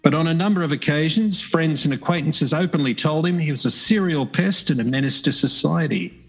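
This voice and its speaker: A man narrating a podcast story in a slightly wry storytelling way. His voice sits a little high and has a husky edge. Faint music runs behind him. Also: brisk, low-quality recording. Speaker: podcast host.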